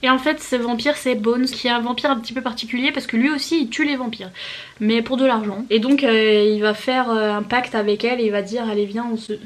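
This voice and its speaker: A woman's voice: fairly high pitch, steady tone, a little fast. Chatty young woman, laughs often. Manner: chatty, laughs often, slips into English phrases. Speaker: book youtuber. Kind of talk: casual chat to camera.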